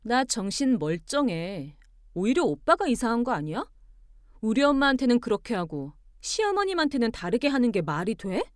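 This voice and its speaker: A woman voicing a composed young wife who argues back calmly and pointedly. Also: a little high, normal speed, no room sound, clean studio sound. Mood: cool firm. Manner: calm, pointed, arguing with cool logic.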